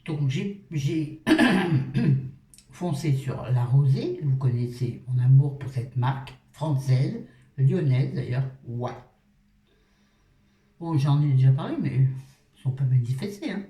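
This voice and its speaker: Middle-aged woman, skincare vlog chat, joking and self-mocking, very dark tone, roomy sound, a bit off-mic. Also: a bass voice, animated, slow, pauses often, far from the mic. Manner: chatty, joking, self-mocking, swears casually. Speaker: beauty vlogger. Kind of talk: casual skincare routine chat. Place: at a washbasin indoors.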